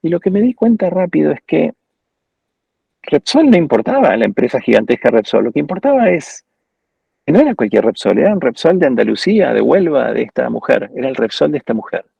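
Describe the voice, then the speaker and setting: A man with an Argentine accent gives a reflective, wandering lecture over a video call. His voice is deeply gravelly and husky, with a mellow, warm tone. The sound is dry and dull, like lo-fi call audio. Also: very animated, a little fast, no echo. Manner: reflective, digressive storytelling. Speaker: guest speaker at an architecture school. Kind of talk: informal lecture.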